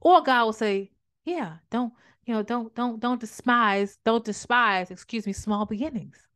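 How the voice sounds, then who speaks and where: A woman hosting a podcast, giving a faith-based motivational talk, speaking fast and animated, often repeating and restarting phrases. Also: fairly high pitch. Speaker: podcast host and author.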